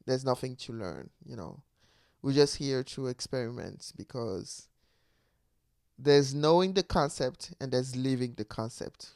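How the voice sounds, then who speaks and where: A man with a foreign accent talks through his ideas in a loose, reflective monologue and laughs often as he goes. His voice is smooth and resonant, and the recording is close and dry, with no room sound around it. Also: medium pitch, a little mellow, dry recording. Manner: laughs often while talking; speaks with a non-native accent. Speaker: podcast host.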